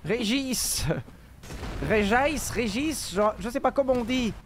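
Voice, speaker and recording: A man commentating his own video game live, joking, swearing and talking to his chat in an excitable way. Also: extremely high pitch, slow, slight background noise. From France. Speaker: streamer playing a video game.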